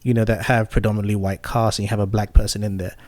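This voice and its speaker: A man's voice: on the low side, fast, no echo. A man co-hosting a podcast, talking thoughtfully through a TV episode in casual chat, often backing others with "mm-hmm.". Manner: steady, thoughtful, frequent "mm-hmm" backchannels. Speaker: podcast co-host. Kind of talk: casual review discussion.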